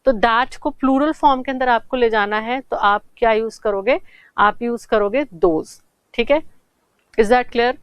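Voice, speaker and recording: A woman teaching English grammar in a classroom-style lesson. She asks questions and answers them herself, and slows down to spell out English example sentences. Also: fairly high pitch, smooth, no room sound.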